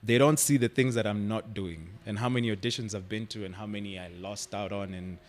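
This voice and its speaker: A young Kenyan actor gives a casual radio interview as a guest, his voice fairly low-pitched and brisk. He's at ease, laughs a lot, and relies on "like" and "I mean" as fillers.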